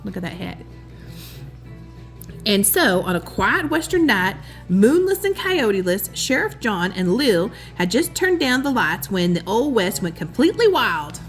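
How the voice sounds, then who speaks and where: With music playing behind her, a woman who reads children's storybooks and hosts reads a picture book aloud expressively at a measured pace. Her mid-range voice is sing-song, and she adds affectionate, chatty asides, calling the listener sweetheart.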